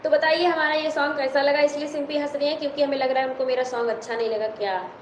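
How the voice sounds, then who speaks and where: A woman's voice: high-pitched, steady tone, quick pace, a little hiss or hum. A woman with an Awadhi accent, a folk singer hosting a live stream, reading out viewer comments and greeting viewers by name. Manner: reads out viewer comments and greets them by name between songs. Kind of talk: live stream chat with singing. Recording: echoey room with music behind.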